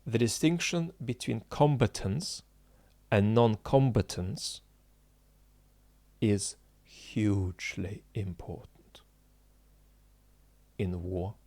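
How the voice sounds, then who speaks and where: A man in his forties runs a channel on political philosophy and talks to viewers unscripted, searching haltingly through fillers and restarts while earnestly underlining key ideas. His voice is mellow and fairly low-pitched, on a dry recording.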